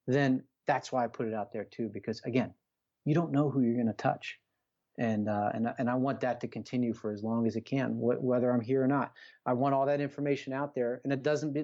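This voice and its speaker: Medium in pitch and darkish in tone, the voice belongs to a middle-aged man heard in lo-fi quality. Appearing as a coach on a podcast, he speaks earnestly and emphatically in a conversational motivational style, repeating himself and asking rhetorical questions.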